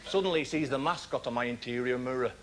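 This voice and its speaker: A male stand-up comedian, telling a story in a wry, deadpan way. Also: mid-range voice, quick pace, a little hiss or hum. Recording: live stage mic, loud crowd laughter.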